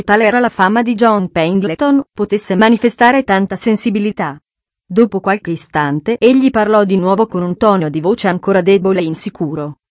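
A woman narrating a novel in a calm, even storytelling voice. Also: mid-range voice, no room sound. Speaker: audiobook narrator. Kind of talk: scripted narration.

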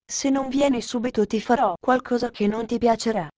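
A woman voicing an eager little mountain girl, bold and warm, who talks in an urgent, insistent way. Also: on the high side, steady tone, brisk, no echo, lightly acted.

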